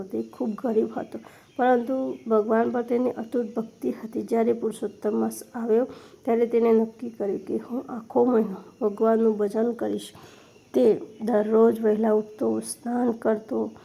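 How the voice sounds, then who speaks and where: A woman narrating a devotional story from a script in a steady, reverent tone. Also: fairly high pitch, normal speed, vocal fry, husky, highs cut off.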